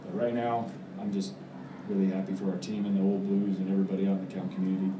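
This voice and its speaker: Seated at a press table before a backdrop indoors, a low-voiced football coach in his forties gives post-game answers through a stand-mounted table mic. He speaks slowly and haltingly, with many fillers and restarts and little pitch movement. The audio is roomy and distant, with background noise and the highs cut off.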